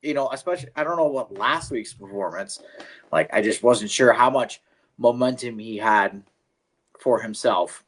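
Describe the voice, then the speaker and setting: A man's voice: mid-range voice, moderate pace. Laid-back swearing male co-host. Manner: laid-back, swears casually, talks fantasy football. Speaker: podcast co-host. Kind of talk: casual livestream chat.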